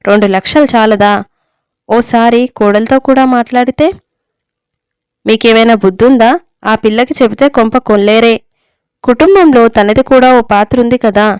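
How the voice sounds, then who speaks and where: A woman's voice: a little high, normal speed, long pauses, darkish tone, smooth, no room sound, lightly acted. Woman reading as an insistent worried mother. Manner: scolding, insistent. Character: worried middle-aged mother, strong-willed. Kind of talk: storybook reading.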